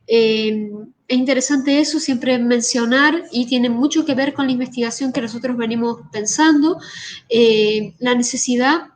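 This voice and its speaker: A woman from Argentina, giving an online conference talk as an artist and researcher, pausing often with fillers and restarts. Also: a little high. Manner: hesitant, many fillers and restarts. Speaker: guest speaker, artist and researcher. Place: home in Brazil.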